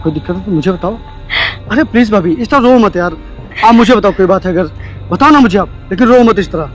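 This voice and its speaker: A young man playing an eager younger brother-in-law who coaxes and flatters. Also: sits high, fairly quick, faint music behind. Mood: coaxing. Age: young adult. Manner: coaxing, flattering.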